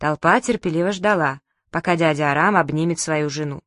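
Low-voiced woman reading a story. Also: a little fast, fairly bright tone, no echo. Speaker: narrator. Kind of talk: audiobook narration.

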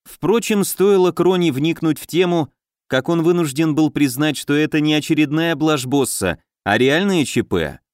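A man's voice: fairly high pitch, animated, normal speed, dry recording, clean studio sound. Man reading a fantasy audiobook. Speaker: audiobook narrator. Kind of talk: scripted narration of a fantasy novel.

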